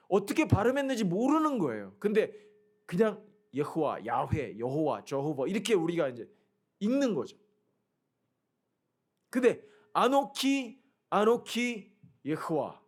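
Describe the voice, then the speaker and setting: A man preaching a sermon as pastor, emphatic, with loud declarations and quiet asides and frequent questions to the congregation. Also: sits high.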